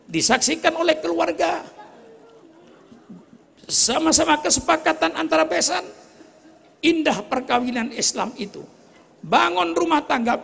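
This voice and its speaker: A man in his eighties preaching a sermon to a gathering, joking with the audience and rising to shouts. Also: very high-pitched, gravelly. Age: 80s. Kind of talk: religious sermon. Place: gathering before a crowd.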